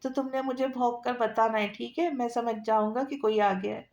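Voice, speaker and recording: A woman's voice: a little high, fairly even intonation, a little mellow, natural voice. Lady voicing a bold sneaky young husband, teasing and bossy, echoey room, read from a novel.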